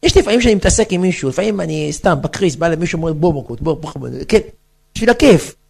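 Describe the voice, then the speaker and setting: A man's voice: fairly high pitch, creaky, breathy edge. A man, a rabbi, giving a humorous storytelling talk to women, acting out characters and asking the audience questions. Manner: animated, acts out characters, asks the audience questions.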